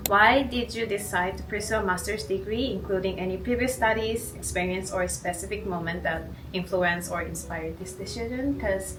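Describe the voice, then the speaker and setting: A woman's voice: mid-range voice, noisy background. Young woman hosting, distant and roomy. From Japan. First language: Japanese. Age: early 20s. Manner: friendly, slightly halting. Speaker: host, student interviewer. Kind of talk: casual interview. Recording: roomy distant mic with music bed.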